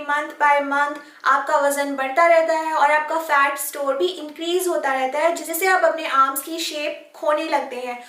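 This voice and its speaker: A high-pitched woman with a bright, forceful voice gives earnest, encouraging fitness advice to camera, slipping often into English phrases. She sounds set back from the mic in an echoey room. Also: far from the mic. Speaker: fitness vlogger. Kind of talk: instructional fitness talk to camera.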